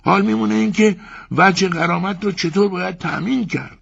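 A man voicing a calm, pompous man swallowed by a crocodile, speaking in a steady, lecturing way with a muffled, distant sound. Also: sits high, creaky, breathy edge, pitched above the performer's own voice, heavily acted. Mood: composed.

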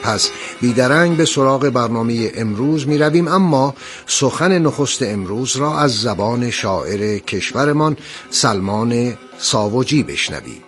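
A man hosting a program, reciting poetry and narrating stories in a formal, measured style. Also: mid-range voice, expressive, faint music behind. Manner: formal, warm-toned recitation. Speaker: radio program host. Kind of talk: scripted storytelling and poetry narration.

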